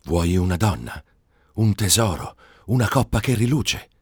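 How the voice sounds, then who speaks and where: A man reading a story and voicing a female sea siren who calls and coaxes in a hushed, high voice. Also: animated, a little slow, husky, no room sound, clean studio sound. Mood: tempting. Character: seductive female sea siren calling from the water.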